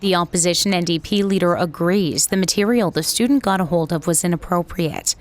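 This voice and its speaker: A woman's voice: lowish voice, a little fast. A woman narrating a scripted television news report.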